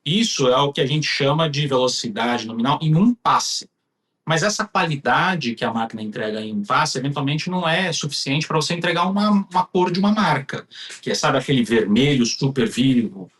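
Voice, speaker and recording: A man's voice: medium pitch, a bit bright. A man with a Brazilian accent giving a conversational technical explanation as a specialist guest.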